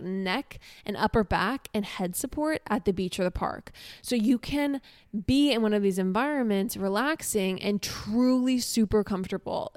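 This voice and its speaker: A woman co-hosting a podcast in casual chat, talking eagerly and pitching products with enthusiasm. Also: darkish tone, clear, resonant tone, no echo, clean studio sound. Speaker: podcast co-host.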